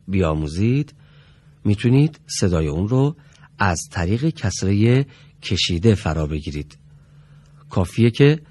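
A man teaching Quranic pronunciation on a studio TV lesson, speaking slowly and carefully and drawing out sounds to demonstrate them. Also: deep voice, darkish tone, slightly rough. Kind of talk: TV recitation lesson.

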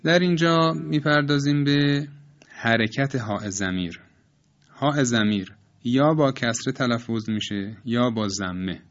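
A man calmly explaining Quran recitation rules step by step, reciting each example slowly and repeating it. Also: mid-range voice, lo-fi sound.

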